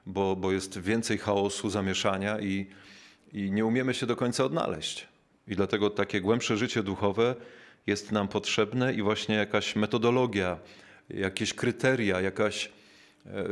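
A man preaching a reflective sermon, measured and unhurried, slowing down to stress key words and pausing with small filler sounds as he searches for his thought. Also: lowish voice.

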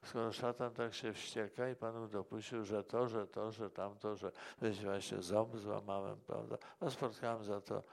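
Monk guy rambling on in an interview, lowish gravelly voice, keeps saying "right?". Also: level tone, moderate pace, hardly any pauses. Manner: rambling, tags remarks with "prawda?". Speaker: monk and priest. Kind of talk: conversational interview answers.

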